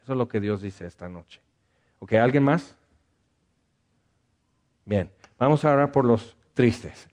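A man, a pastor, preaching and leading a congregation in prayer, calm and measured, often dropping to a soft voice. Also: mid-range voice.

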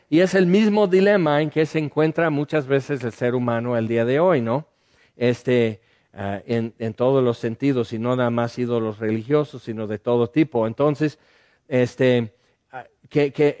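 A man's voice: medium pitch, darkish tone. A man from the United States with an American accent and English as his first language, preaching a sermon in a conversational way with many fillers and restarts. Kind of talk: sermon teaching.

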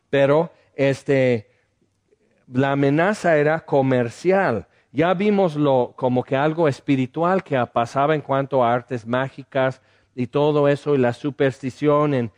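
A man's voice: a little high, a little mellow. A man from the United States with an American accent and English as his first language, preaching a sermon in a conversational way with many fillers and restarts. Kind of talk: sermon teaching.

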